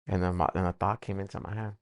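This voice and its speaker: A man telling his personal faith testimony, emotional and halting, often repeating words as he speaks. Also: sits low, gravelly, no room sound, clean studio sound.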